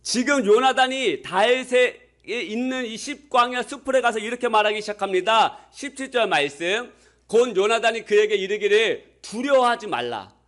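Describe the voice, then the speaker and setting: A man's voice: high voice, moderate pace, fairly bright tone. A man preaching a sermon as pastor. He puts rhetorical questions to the congregation and reads scripture aloud with them. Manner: acts out quoted speech in a plain everyday voice.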